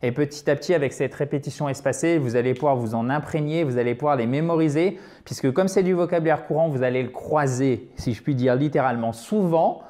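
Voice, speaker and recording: A woman teaching English to viewers in a lively, teacherly way, slowly repeating words for drill. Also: low-pitched. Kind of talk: lesson segment, addressing viewers.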